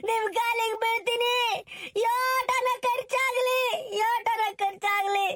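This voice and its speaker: A woman's voice: extremely high pitch, little pitch movement, unhurried, a bit bright. A woman playing a wailing village wife. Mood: pleading. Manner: wailing, pleading, calling on God. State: crying. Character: grieving village woman crying over her husband. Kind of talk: rural comedy sketch acting.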